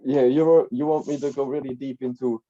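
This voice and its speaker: A man's voice: medium pitch, steady tone, fairly quick, mellow. A young man from the Republic, a guest life coach, chatting casually in a podcast and rambling with many repeats and fillers. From Czech Republic. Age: young adult. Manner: rambling, repeats words, frequent "like" and "right?". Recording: dull lo-fi sound.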